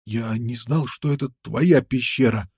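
A man's voice: on the high side, a little slow, mellow, slightly rough, dry recording, studio quality, pitched above the performer's own voice. A man voicing a worn-out, toothless fur trader who stammers and pleads ingratiatingly in an audiobook. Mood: pleading.

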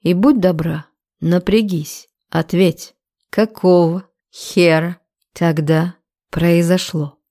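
A woman narrator voices an enraged young man grilling someone he despises. He speaks slowly and threateningly, each word weighed out, in a dark, mellow tone. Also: lowish voice, natural voice. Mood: menacing. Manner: slow, threatening interrogation. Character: furious young man, menacing and cold. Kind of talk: audiobook character voice.

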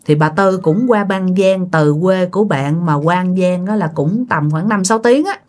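A woman's voice: on the low side, normal speed, a little mellow. Chatty Southern Vietnamese woman storyteller. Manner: chatty, addresses listeners directly. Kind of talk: casual spoken ghost story.

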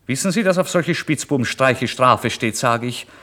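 In a dramatic literary radio monologue, an actor plays a starving, proud, agitated down-and-out man. His mid-range voice is animated and moves at normal speed, swinging between hushed brooding and indignant, angry outbursts.

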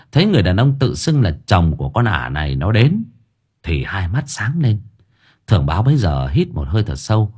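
Husky, lively male storyteller. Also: lowish voice. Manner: earthy, lively, slangy. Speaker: audiobook narrator. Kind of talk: colloquial storytelling narration.

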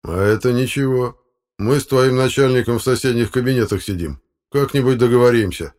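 A man's voice: medium pitch, a little fast, darkish tone, pitched above the performer's own voice, natural voice. A man voicing an irate, indignant village council chairman who makes threats. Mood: threatening.

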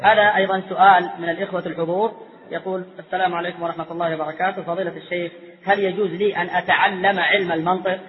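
Fast, high-voiced man in a reverberant hall. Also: level tone. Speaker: moderator reading out audience questions. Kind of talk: formal reading of submitted questions. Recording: reverberant hall, muffled lo-fi sound.

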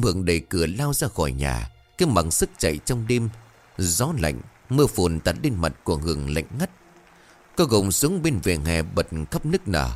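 Deep-voiced man narrating a horror story. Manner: dramatic, expressive storytelling.

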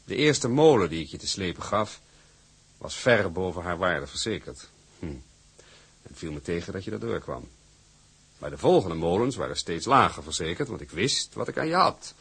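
In a drama, an older male actor plays a shrewd, imperious company boss, using a gravelly, husky, low-pitched voice with big pitch swings and a slightly bright tone. His delivery is deliberate, patronising, heavily acted, and stern and probing in mood.

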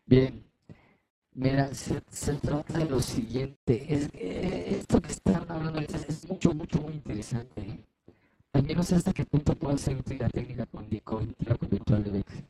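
A man's voice: mid-range voice, moderate pace. Mexican guy on a choppy cutting-out voice chat, hisses a lot, stops and repeats himself. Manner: hesitant, repeats words as he speaks. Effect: choppy, breaking-up voice chat connection. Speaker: meeting participant, activist. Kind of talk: casual online group voice chat. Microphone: online voice chat. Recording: noisy, choppy internet voice line.

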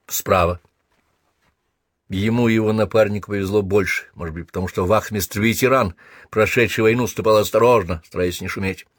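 A man reading a first-person story aloud as an audiobook narrator, measured and even. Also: lowish voice, no echo, studio quality.

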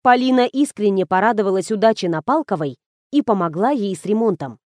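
A woman reading an audiobook in steady, scripted narration. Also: mid-range voice, fairly quick, no room sound, clean studio sound.

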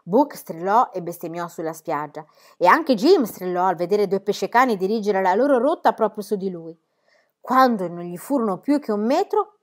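A woman reading a children's book aloud in a measured, expressive storybook narration. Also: fairly high pitch.

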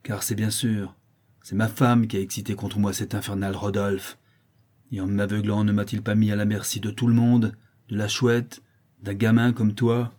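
A brutal blind old brigand, played by a man in a storybook reading. His low, dark voice growls with bitter menace and a husky grain. He sounds worn down and full of hatred. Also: flat delivery, normal speed, natural voice. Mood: vengeful.

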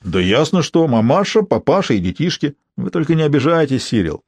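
A man's voice: on the high side, sing-song, a little fast, darkish tone, husky, no room sound, pitched above the performer's own voice, heavily acted. A man reading the part of a blunt, tactless middle-aged man with a coarse, needling manner. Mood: smug.

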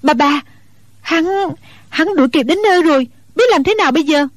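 A woman's voice: sits high, expressive, normal speed, no room sound. A woman voicing a frightened young girl who stammers in an audiobook. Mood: anxious. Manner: anxious, stammering.

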